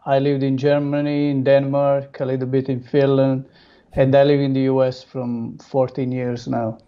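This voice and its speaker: A man's voice: mid-range voice, level tone, moderate pace, smooth. A man in his thirties from Italy with an Italian accent, a guest sharing his personal testimony in simple, non-native phrasing over a video call. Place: home room, on video call. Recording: muffled video call audio.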